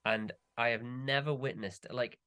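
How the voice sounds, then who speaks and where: A man's voice: mid-range voice, unhurried, sharp tone, clean tone. A young man on a casual podcast, complaining in an exasperated rant. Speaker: podcast co-host. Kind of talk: casual chat.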